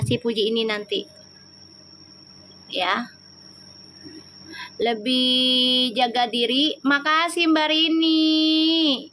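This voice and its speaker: High-pitched woman doing a live tarot reading, slow and bright, jokey. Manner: jokey and teasing, bursts into loud laughter; slow, soft-spoken when praying. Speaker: tarot reader.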